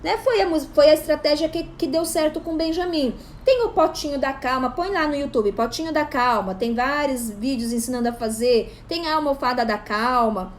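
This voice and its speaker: A woman in her thirties, a psychopedagogue, giving casual parenting advice to camera in an animated way. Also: high-pitched, moderate pace, hardly any pauses, a little hiss or hum. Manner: animated, acts out parent and child voices. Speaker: psychopedagogue and parenting channel host.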